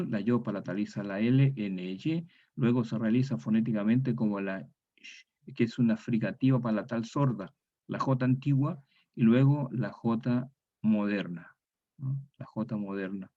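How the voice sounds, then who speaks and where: A man's voice: on the low side, mellow, dull audio. A man giving a university lecture, explaining step by step, repeating terms and checking with his students. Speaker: lecturer in historical Spanish grammar.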